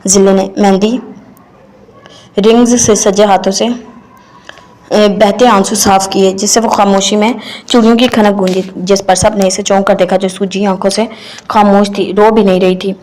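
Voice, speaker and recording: A woman reading a romance novel aloud in slow, measured narration. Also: mid-range voice, little pitch movement, a little mellow.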